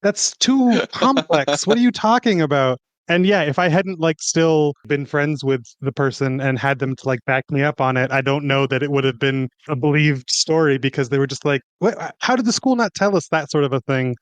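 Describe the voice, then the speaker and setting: A man's voice: mid-range voice, a little fast, hardly any pauses, smooth, no echo. A man playing in a tabletop game, rambling and hesitant as he talks. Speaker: player. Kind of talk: tabletop game session chat.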